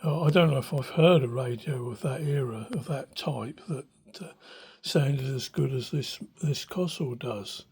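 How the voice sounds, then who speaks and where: In a small cluttered room, an older radio-restoring hobbyist walks through an off-the-cuff demonstration, hesitant yet thoughtful. His medium-pitched voice is gravelly, husky and a little mellow, slightly slow with few pauses, captured on a handheld phone held behind the camera.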